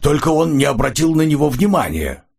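A man's voice: on the high side, big pitch swings, a little fast, creaky, darkish tone, breathy edge, voice pushed up, heavily acted. A man voicing a matter-of-fact police inspector in an audiobook. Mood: offhand.

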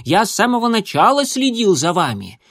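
Bouncy little boy kitten showing off, man doing the voice, way up high, no room echo. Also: moderate pace, clean studio sound, heavily acted. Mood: boastful. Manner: excited, bragging, high-pitched chatter. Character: eager boastful young male kitten.

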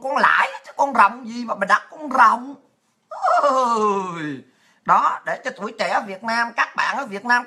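Woman, mocking ranting host, crude and sarcastic, bright edge to the voice. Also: a little high. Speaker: political commentator. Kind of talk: ranting monologue.

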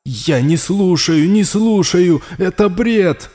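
An audiobook narrator voicing a frightened architect who refuses to listen and shouts back in panic. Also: male voice, fairly high pitch, lively intonation, moderate pace, no room sound, studio quality, pitched above the performer's own voice, lightly acted. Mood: panicked. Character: frightened middle-aged male architect losing control.

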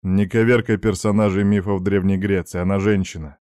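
A man's voice: sits low, little pitch movement, a little fast, darkish tone, no echo, clean studio sound, close to an everyday voice. A man voicing a stern middle-aged father lecturing his teenage son in a firm, reproachful way.

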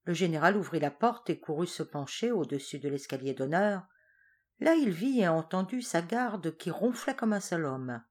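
A woman narrating a classic novel as an audiobook reader, in a steady, expressive storytelling manner. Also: fairly low pitch, normal speed.

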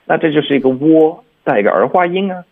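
A man working as an English teacher on a radio lesson, explaining pronunciation in a relaxed way and dropping English words into his speech. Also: a little high, fast, vocal fry, phone-quality sound.

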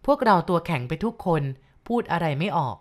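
A woman reading a first-person ghost story aloud, steady and unhurried. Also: on the low side.

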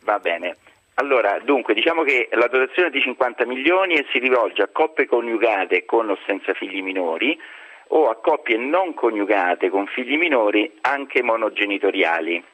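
A man speaking as a guest expert over a landline phone, explaining rules in a measured, formal way. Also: mid-range voice, animated. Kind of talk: explaining rules on a radio call-in. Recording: dull lo-fi phone line.

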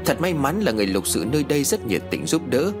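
A man reading a horror story aloud in a measured, expressive scripted narration. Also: medium pitch, music in the background.

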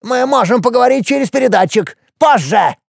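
A cowardly dwarf lord, whose creaky voice climbs high and shrill. He wheedles and bargains for his life, then squeals out insults. The sound is close and dry, with a gravelly edge. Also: expressive, fairly quick, no room sound, heavily acted. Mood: desperate bargaining. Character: panicky red-skinned male dwarf lord, cowardly.

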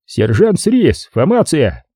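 A man's voice: fairly high pitch, big pitch swings, slow pace, warm tone, breathy edge, no echo, clean studio sound, pitched above the performer's own voice, heavily acted. A man putting on a brusque Brooklyn police sergeant. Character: gruff Brooklyn police desk sergeant, impatient, mangling words.

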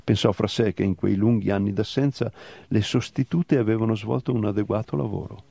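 A man reading a fable aloud in a measured storytelling manner. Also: on the low side, gravelly, dark tone, breathy edge, dry recording. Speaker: story reader. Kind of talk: scripted narration of a fable.

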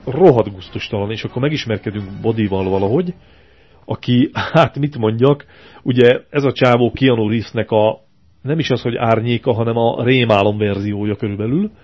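A man co-hosting a casual radio show, reviewing a film in a crude, sarcastic rant. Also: mid-range voice. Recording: compressed lo-fi radio archive.

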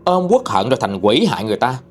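A man voicing a stern, sharp-tongued old woman exorcist in a ghost story, with a Southern Vietnamese accent and a scolding, mocking manner. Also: mid-range voice, sing-song, quick pace, soft background music. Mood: threatening.

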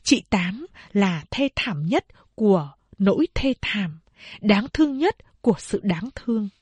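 Husky-voiced woman narrating a novel. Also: mid-range voice, sing-song, measured pace, darkish tone, no echo. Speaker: audiobook narrator.

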